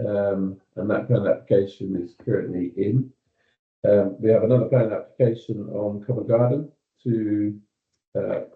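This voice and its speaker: A low-voiced British man speaks over a video call, and his voice comes through dull and roomy. He is a company executive giving staff an update, steady and measured, and he pads his points with ums and you-knows.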